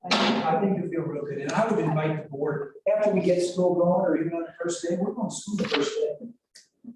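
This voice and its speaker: A man's voice: on the high side, normal speed. Blunt admin guy at a board meeting, super echoey hall sound, distant. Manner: blunt, self-styled sarcastic. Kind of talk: public meeting discussion. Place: meeting room. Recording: echoey room mic from a distance with hiss.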